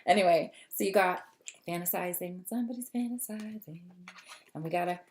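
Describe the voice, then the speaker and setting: A woman doing a casual tarot reading to camera, talkative and long-winded, gushing and easily excited. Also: fairly low pitch, a little fast. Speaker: tarot reader.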